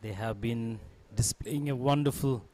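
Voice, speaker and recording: A man's voice: mid-range voice, a little slow, mellow. A man doing live cricket commentary as a co-commentator, in short, clipped phrases.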